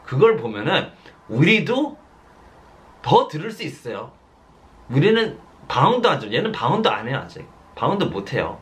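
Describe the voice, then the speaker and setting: A pastor preaching a sermon, telling a story earnestly and repeating phrases for emphasis. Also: male voice, a little high, huge pitch swings. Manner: slows down to stress quoted words.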